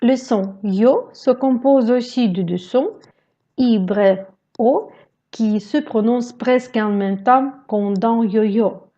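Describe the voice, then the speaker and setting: Slow, careful woman teaching pronunciation. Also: fairly high pitch, warm tone, highs cut off. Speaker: Russian language teacher. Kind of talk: slow scripted pronunciation lesson.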